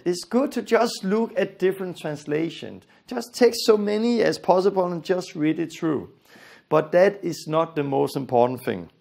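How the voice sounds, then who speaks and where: A man's voice: on the high side, creaky. A man from Denmark with a Danish accent and Danish as his first language, giving an earnest, emphatic Bible lesson that repeats its key phrases. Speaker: Bible teacher.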